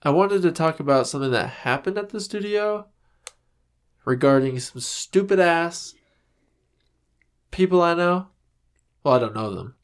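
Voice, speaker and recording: A man's voice: on the high side, unhurried, long pauses, clear, resonant tone. Jokey podcast guy, voice bouncing all over, acts stuff out. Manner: animated, jokey, acts out scenes. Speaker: podcast co-host. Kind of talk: casual comedic chat.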